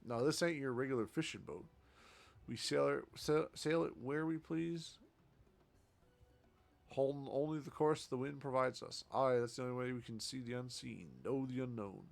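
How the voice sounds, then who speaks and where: A man reading as a hearty gravelly sea captain. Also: mid-range voice, normal speed, close to an everyday voice. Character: boisterous adventurous male ship captain.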